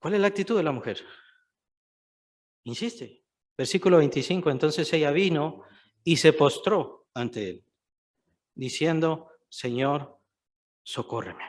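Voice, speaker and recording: A man's voice: fairly high pitch, animated, unhurried, pauses often. A man preaching a sermon, stressing points by repeating phrases and putting questions to the listeners.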